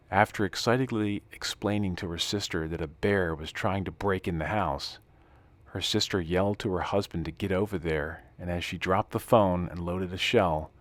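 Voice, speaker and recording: A man narrating a scripted story in a calm, steady reading voice that drops to a hush in tense passages. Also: deep voice.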